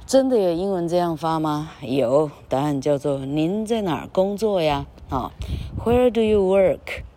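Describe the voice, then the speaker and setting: A woman's voice: deep voice, animated, moderate pace, dark tone. A woman teaching English vowel sounds in casual Mandarin with a Taiwanese accent. She drawls out each vowel as she demonstrates it and tags her phrases with a little "ha". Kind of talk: casual spoken lesson. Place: recording under an elevated railway bridge.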